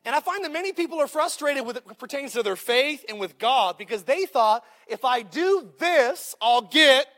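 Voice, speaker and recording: A man's voice: extremely high pitch, expressive, normal speed, few pauses, fairly bright tone. A man in his thirties preaching a sermon, joking and punchy, calling out to the congregation. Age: 30s. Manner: joking, punchy preaching with call-outs to the crowd. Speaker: pastor.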